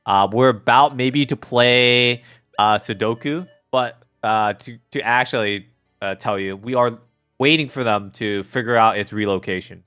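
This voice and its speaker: A man commentates a game race live in a casual, hyped gamer-bro way. His voice sits at an average pitch, with music playing clearly behind him. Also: a little slow, fairly bright tone.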